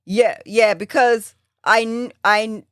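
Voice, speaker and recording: A woman from Jamaica telling a family story in casual podcast chat, acting out quotes with sudden high jumps in her voice. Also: takes it slowly, a bit bright, smooth, dry recording, studio quality. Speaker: podcast co-host.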